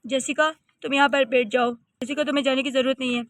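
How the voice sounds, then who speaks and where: A woman's voice: sits high, steady tone, fast talker, no room sound, studio quality, natural voice. A woman voicing a stern young husband and father in a cartoon story, speaking firmly and in command. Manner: firm, commanding.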